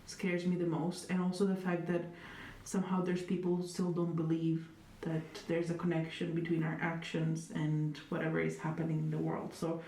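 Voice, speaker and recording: A young Italian woman speaks in a low-pitched, warm monotone at a moderate pace, with few pauses. Thoughtful and full of hedges and fillers, she brings wry, dry humor to a reflective conversational interview in which she is the interviewee. The sound is echoey, with faint noise from a distant mic.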